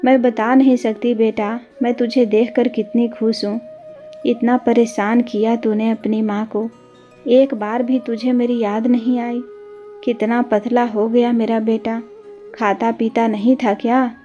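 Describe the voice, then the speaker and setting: A woman's voice: fairly high pitch, level tone, measured pace, soft background music, lightly acted. A woman voicing a tender elderly village mother. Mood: overjoyed. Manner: gentle, tender, humble.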